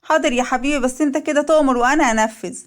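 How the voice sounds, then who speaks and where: Woman doing a young pregnant egyptian wife, higher voice, pleading, rushed. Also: lightly acted. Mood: sweet. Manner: pleading and anxious.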